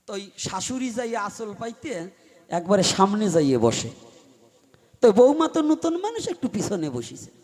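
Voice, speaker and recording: High-voiced man preaching with dramatic swings. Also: big pitch swings, moderate pace. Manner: dramatic, swings from loud pleading to low asides. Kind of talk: devotional storytelling sermon. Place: live gathering before a large crowd.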